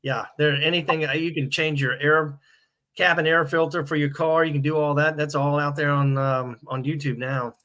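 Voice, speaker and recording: A man with a bright, forceful voice chats casually on a livestream over a video call. He is easygoing and agreeable, and he often chimes in with short replies. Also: fairly high pitch, level tone, normal speed. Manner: easygoing, agreeable, frequent back-channel replies. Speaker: co-host.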